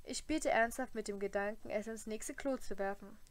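A woman reading a first-person audiobook, with an expressive, dryly humorous storytelling manner. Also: mid-range voice, normal speed. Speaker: audiobook reader.

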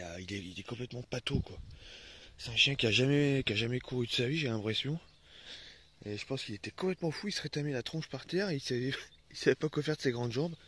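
A man's voice: mid-range voice, fairly bright tone, slight background noise. A man chatting casually in a vlog, swearing freely and cooing at his dogs while filming outdoors on a phone. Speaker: vlogger.

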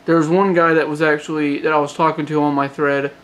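A man's voice: on the high side, flat delivery, quick pace, a bit bright. A man with a light Southern accent from Georgia, talking through a casual vlog update late at night, rambling with many restarts and fillers. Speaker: hobbyist phone modder.

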